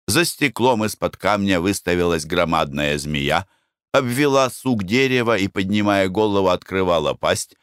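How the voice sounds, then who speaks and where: Male audiobook narrator; measured, expressive, dry studio sound. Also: low voice, clean tone, no room sound.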